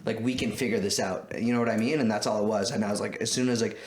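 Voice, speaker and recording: A man with a Quebec French accent, telling a profane, rapid-fire story on a casual podcast and acting out the voices of the people in it. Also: fairly low pitch, steady tone. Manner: rapid, profane, acts out voices in his stories. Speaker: podcast host. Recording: roomy echo, faint noise.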